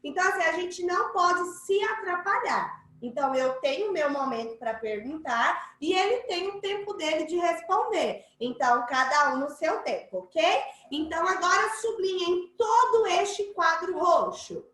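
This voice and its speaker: A woman's voice: very high-pitched, animated, normal speed, few pauses, fairly bright tone, echoey room, rough recording. A woman teacher with a Brazilian accent explaining a lesson to children, playful and acting out examples. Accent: Brazilian Portuguese. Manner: playful, acts out examples in shifting voices. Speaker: schoolteacher. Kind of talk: online class explanation to children.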